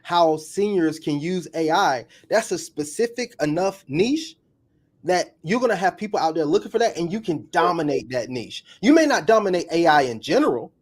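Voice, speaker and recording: A man with a fairly high-pitched voice talks casually as a guest coach. He speeds up and gets animated when an idea excites him. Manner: energetic, fast bursts of enthusiasm. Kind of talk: casual interview talk.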